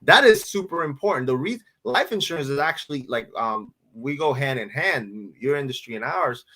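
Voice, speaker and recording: A man in his thirties from the Dominican Republic, speaking as a guest financial advisor in a casual interview, in a relaxed way, often repeating words and asking "right?". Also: mid-range voice, normal speed, rough recording. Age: 30s. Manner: relaxed, repeats words while thinking, asks rhetorical "right?".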